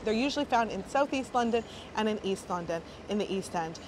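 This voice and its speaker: Woman, food tour guide, chatty, enthusiastic, street noise clearly audible. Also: mid-range voice, expressive, brisk. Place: outdoors and inside small food shops. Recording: noisy street background.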